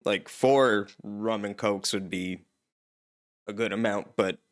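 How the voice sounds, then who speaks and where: A man's voice: on the low side, fairly even intonation, slow pace. Chatty young man from Canada, reacting. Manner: chatty, wonders aloud, laughs between remarks. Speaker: reaction video host. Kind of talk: casual reaction commentary.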